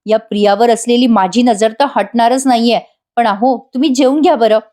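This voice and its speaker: A woman's voice: on the high side, steady tone, a little fast, warm tone, lightly acted. A woman voicing a caring, determined young wife, in a serial retold as a story.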